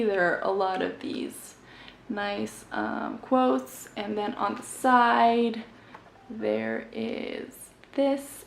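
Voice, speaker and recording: A woman's voice: mid-range voice, vocal fry. Chatty woman with many fillers, echoey room. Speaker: book vlogger. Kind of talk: casual book haul chat. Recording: echoey room, faint background noise.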